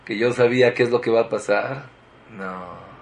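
A man giving a sermon, telling a story and shifting between emphatic lines and quiet ones. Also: medium pitch, normal speed, gravelly.

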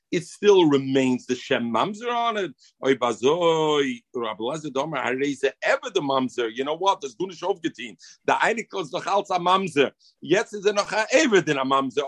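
A Talmud teacher with a Yiddish accent gives an informal lesson, reading the text and explaining it while often repeating himself and answering his own questions. His voice is fairly high, and the recording is dry.

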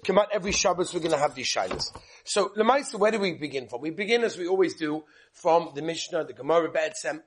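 A man with teaching a religious class as a rabbi, telling stories with rhetorical questions and repeated phrases, in a husky voice. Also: a little high, lively intonation, fast talker. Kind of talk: lively religious lesson with storytelling.

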